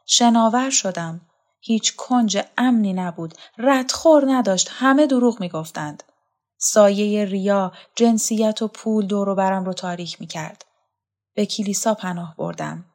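A woman voicing a lonely, haunted former actress, weary and bitter, in a quiet confessional storybook reading. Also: mid-range voice, natural voice.

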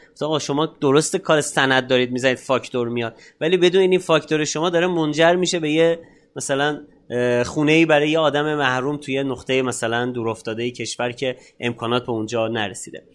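A man's voice: medium pitch, steady tone. A man co-hosting a casual podcast, explaining his points one by one. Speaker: podcast co-host.

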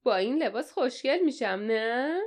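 A woman narrator voicing a huge, laughing, greedy red-haired pirate woman in an audiobook, with a slow, mocking drawl. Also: fairly high pitch, animated, natural voice.

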